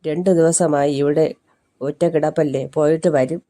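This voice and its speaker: A man's voice: on the high side, fairly even intonation, moderate pace, dark tone, natural voice. A man voicing an anxious young wife who speaks earnestly and pleads. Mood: worried.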